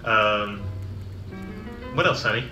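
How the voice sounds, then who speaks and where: A man's voice: fairly low pitch, slow pace, bright, forceful tone. A man giving a casual, conversational product review. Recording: roomy echo, music behind. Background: music.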